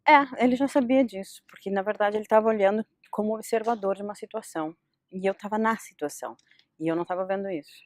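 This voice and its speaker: A middle-aged woman casually giving advice in a vlog, telling stories in an animated way. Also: medium pitch, fast, no room sound, studio quality. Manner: lively, animated storytelling with quoted dialogue. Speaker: vlogger.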